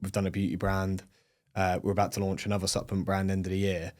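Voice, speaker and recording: A man's voice: low-pitched, monotone, fast talker, a little mellow. A young man from England with a British accent, chatting casually as a podcast guest and filling his talk with "like" and "um". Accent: British English. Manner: chatty, many fillers like "like" and "um". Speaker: guest, agency owner.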